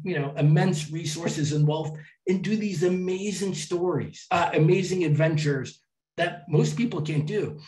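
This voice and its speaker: A man's voice: high-pitched, darkish tone. A man giving a public talk to an audience and telling travel stories in a chatty way, with some restarts. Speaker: travel speaker. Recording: echoey hall from far off.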